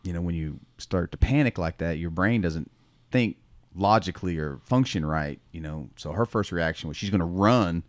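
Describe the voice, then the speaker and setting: A man's voice: deep voice, moderate pace, no room sound. A man, a schoolteacher co-hosting a podcast, telling a story casually with lots of fillers and the odd laugh. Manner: relaxed, rambling, many fillers like "you know" and "um"; laughs now and then while telling stories.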